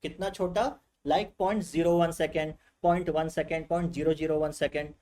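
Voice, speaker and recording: An animated male physics teacher giving a classroom lecture. He keeps asking his students rhetorical questions and acts out what they might say, all in a voice pitched a little higher than most men's. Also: moderate pace.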